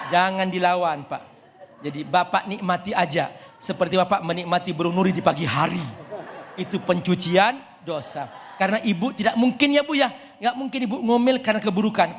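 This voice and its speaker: A man preaching to a live audience, lively and joking, switching between loud emphatic lines and soft asides. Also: high voice, a little hiss or hum. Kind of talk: sermon to an audience. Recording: long hall reverb.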